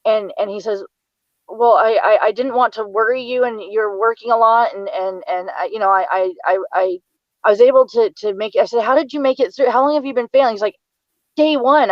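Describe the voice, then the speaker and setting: Halting woman, dull lo-fi sound. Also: medium pitch, no echo. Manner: halting, repeats words often while recounting. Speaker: interview guest, mother of the subject. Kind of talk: personal recollection in an interview.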